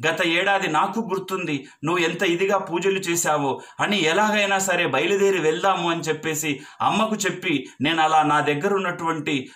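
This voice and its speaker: A man's voice: a little high, moderate pace, pushed and bright. A man voicing a rescued husband earnestly recounting how he was saved, in a told story.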